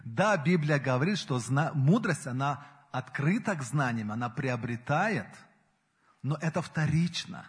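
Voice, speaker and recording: A man's voice: medium pitch, animated, unhurried, breathy edge. A man in his forties preaching a sermon in an earnest way, his emphasis rising and falling. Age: 40s. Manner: earnest, rises and falls in emphasis. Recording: long hall reverb.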